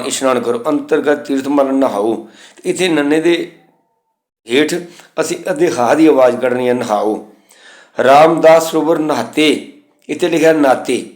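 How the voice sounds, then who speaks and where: A man teaching scripture pronunciation, slowly reciting verse lines and then explaining them plainly. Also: on the high side, a little mellow. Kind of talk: instructional lesson. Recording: echoey room.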